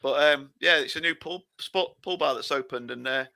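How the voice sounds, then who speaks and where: Male podcast co-host, very bright tone, halting casual chatter. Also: medium pitch, gravelly. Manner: repeats words and restarts while thinking.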